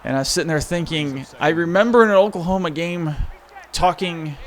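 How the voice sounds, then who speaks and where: A man's voice: fairly high pitch, a little fast. A man hosting a gaming channel, casually rambling over the gameplay with lots of fillers and self-mocking asides.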